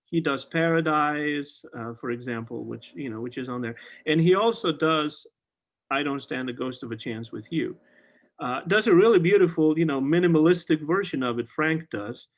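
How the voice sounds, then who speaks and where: Animated and at a normal speed, this middle-aged podcast host, whose voice runs on the high side, talks casually and excitedly about old songs. He often restarts and uses fillers, and the audio comes from a video call.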